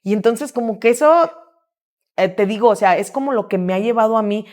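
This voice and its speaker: Animated woman telling stories. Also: fairly high pitch, fairly quick. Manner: lively, quotes herself and her son. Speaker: guest, gymnastics coach and sports mom. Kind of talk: casual interview storytelling.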